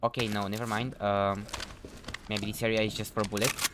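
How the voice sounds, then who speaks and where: This young gameplay commentator speaks with a lowish, level voice at a moderate pace, his mic picking up noise. Talkative and self-deprecating, he delivers let's play commentary and reads out the notes he finds in the game.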